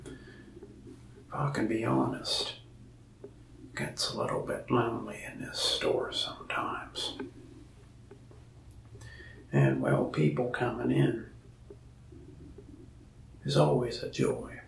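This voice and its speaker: An ASMR creator plays a lonely, friendly mask shop salesman, speaking slowly and softly in a gravelly voice with frequent whispered stretches. His pitch is medium, and the sound is echoey and distant, recorded in a small indoor room with a wall of masks behind him.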